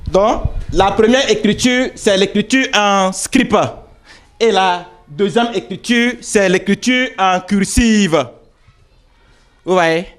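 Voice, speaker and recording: A man's voice: sits high, fairly bright tone. A man teaching a primary school reading lesson, spelling out syllables, repeating words and checking with the pupils as he goes. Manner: slow, repeats words and syllables, asks "vous voyez?".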